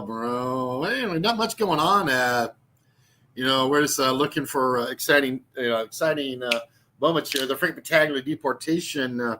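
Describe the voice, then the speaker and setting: This sixty-something YouTuber meanders through casual vlog talk, restarting sentences and leaning on fillers. His medium-pitched voice sounds bright and forceful, and he keeps laughing at his own mocking jokes.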